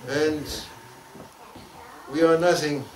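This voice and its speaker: Soft-spoken sheikh in an echoey room. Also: male voice, fairly high pitch, level tone, recorded from a distance, a little hiss or hum. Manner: short halting phrases, pausing for translation. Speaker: sheikh preaching. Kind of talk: sermon with interpreter.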